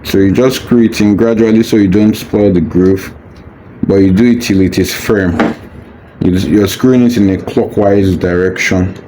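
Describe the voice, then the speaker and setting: A product demonstrator with a lowish, warm voice keeps a steady tone at normal speed as he patiently works through a hands-on unboxing, casually reassuring and going back over his steps. It's a low-quality recording with faint background noise.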